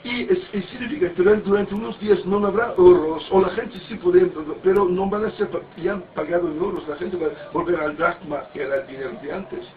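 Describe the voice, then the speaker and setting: A man's voice: sits high, a little fast, hardly any pauses. A man in his fifties giving a rambling, anecdotal sermon-like talk with many restarts and crude words. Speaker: speaker at a parody mass. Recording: distant, tinny, faint background noise.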